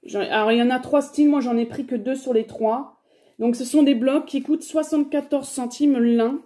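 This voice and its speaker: A woman in her thirties talks her viewers through a shopping haul in a chatty, halting way, often pausing on fillers. Her voice sits a little high but sounds warm and mellow rather than bright. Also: fairly even intonation. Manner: chatty, hesitant, many fillers. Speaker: haul vlogger. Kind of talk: casual shopping haul chat.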